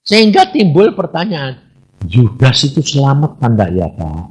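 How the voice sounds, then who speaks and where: A man's voice: mid-range voice, normal speed. A man preaching a casual sermon, teasing his listeners and acting out conversations. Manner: lively, chatty, teasing, acts out dialogues.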